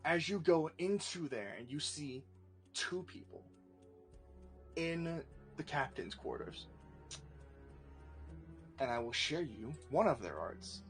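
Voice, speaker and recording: A man narrating a tabletop game as game master in a lively, swearing storytelling manner. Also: a little high, slow pace, long pauses, faint music behind. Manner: animated, swearing, laughing storyteller.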